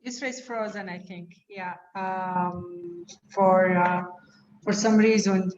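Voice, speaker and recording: A woman's voice: fairly low pitch, steady tone, slow, darkish tone, roomy sound, a little hiss or hum. A woman heard over a video call, hesitant and full of fillers as she checks whether the others can hear her. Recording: muffled, distant video call audio.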